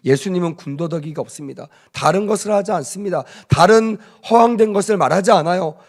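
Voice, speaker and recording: A male pastor delivering a Good Friday sermon in a notably high voice. He preaches emphatically and often turns to the congregation with rhetorical questions and calls to respond. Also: a little fast.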